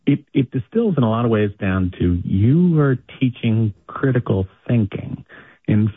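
Raspy man on a tinny phone line. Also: mid-range voice, animated, dry recording. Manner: earnest, halting, many fillers and repeats. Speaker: caller. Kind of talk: radio call-in.

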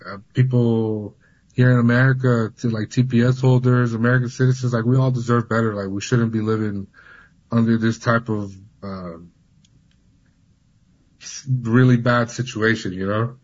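A man in his thirties, born in Honduras and raised in California, tells his story as a guest in a news interview, often restarting and repeating words. His voice is medium-pitched, steady and darkish, at a normal speed, and the audio sounds dull.

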